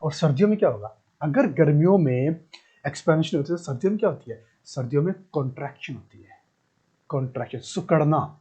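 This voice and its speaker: Muffled, dark-voiced male physics teacher. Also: a little high, expressive, quick pace, slightly rough. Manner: explains step by step, repeats key terms and asks rhetorical questions. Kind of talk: classroom lecture.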